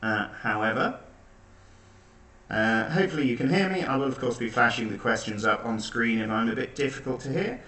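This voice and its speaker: A man hosting an online quiz in a dry, deadpan way, his voice sounding like it is in a cave because of a makeshift backup mic. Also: mid-range voice, brisk. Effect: cave-like echo. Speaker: quiz host. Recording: echoey room, far from the mic.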